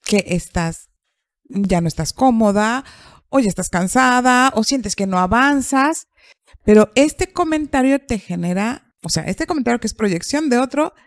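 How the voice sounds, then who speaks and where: A woman psychologist, calmly explaining and asking rhetorical questions in a podcast conversation. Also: fairly high pitch, measured pace, dry recording. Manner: calm, explanatory, asks herself rhetorical questions.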